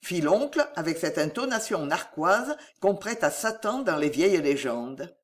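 A reader narrating a historical adventure novel as an audiobook, with dramatic, expressive storytelling. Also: medium pitch, a little slow.

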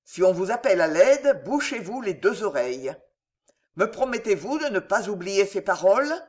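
A reader puts on a stern old soldier father from a storybook. He lectures gravely, and his pitch swings widely. He speaks at a middle height. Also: sing-song, moderate pace, natural voice. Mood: lecturing. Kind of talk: audiobook character reading.

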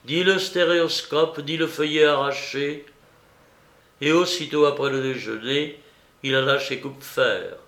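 Slow gravelly male storyteller. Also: fairly high pitch, fairly bright tone, roomy sound. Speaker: audiobook reader. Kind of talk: scripted literary narration.

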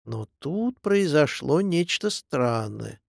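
A man narrating a storybook in a measured, expressive reading. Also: a little high, creaky, no echo, clean studio sound.

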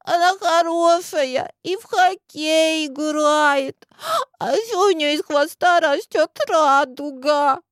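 A woman's voice: very high-pitched, animated, slow, fairly bright tone, no echo, studio quality, voice pushed up, full character voice. A chirpy little girl. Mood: excited. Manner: chirpy childlike voice. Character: small cheerful girl, excited and innocent.

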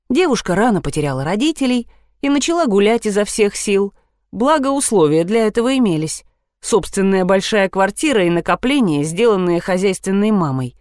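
A woman's voice: medium pitch, darkish tone, no echo. Woman reading a novel in a dry booth. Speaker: audiobook narrator. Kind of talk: first-person novel narration.

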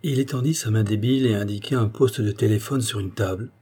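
Husky, low-voiced male narrator. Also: fast talker, warm tone. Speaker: audiobook narrator. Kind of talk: scripted narration.

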